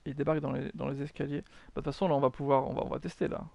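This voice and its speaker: A man's voice: mid-range voice, level tone, racing, creaky, no room sound, lo-fi sound. A man giving chatty live commentary while streaming a video game, mocking himself, swearing often and answering his chat.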